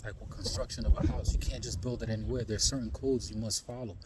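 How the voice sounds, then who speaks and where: Speaking fast at medium pitch over a noisy background, a man records a reflective vlog on a snowy forest trail with a handheld phone. Worn out and chilled from the hike, he talks in a calm, musing manner, sprinkling in frequent "you know" asides.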